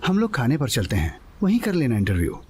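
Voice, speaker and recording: A man dubbing a smooth, flirtatious charmer in a TV drama. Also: mid-range voice, huge pitch swings, fairly quick, a little hiss or hum. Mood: suave. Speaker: dubbing actor. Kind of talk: Urdu dub of a TV drama.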